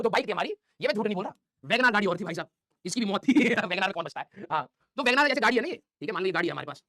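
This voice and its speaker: A man's voice: high voice, a bit bright, dry recording. Male teacher, rattling off a self-mocking comic story to students at top speed, dry and close. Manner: joking, self-mocking, chatty.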